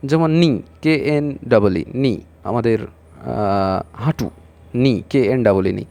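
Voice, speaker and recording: A man with a West Bengal Bengali accent teaching English in Bengali, his voice in a plain middle range. He spells each word out slowly, letter by letter, then explains why. He keeps asking the class short questions as he goes. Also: medium pitch. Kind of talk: exam-prep English lesson taught in Bengali.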